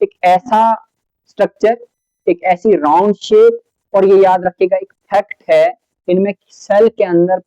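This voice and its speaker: Man teaching biology, warm dull recording. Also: high-pitched, no echo. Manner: explains step by step, asks and answers his own questions, mixes in English terms. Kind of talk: classroom lecture at a whiteboard.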